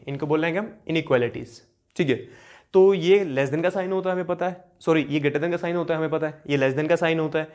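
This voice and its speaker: A young man gives a maths lecture in a fairly high voice for a man. He keeps quizzing his students and answering the questions himself. When he reads out expressions, he slows down and spells them out step by step. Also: darkish tone. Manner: repeats key terms with quiz-like questions, slowing to spell out expressions. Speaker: maths teacher. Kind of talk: classroom lecture.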